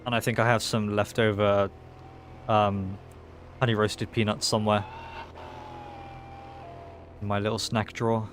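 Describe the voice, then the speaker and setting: A man livestreaming a game in casual chat, talking in excitable bro-and-dude slang. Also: fairly low pitch, measured pace, long pauses, slight background noise. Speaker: live game streamer.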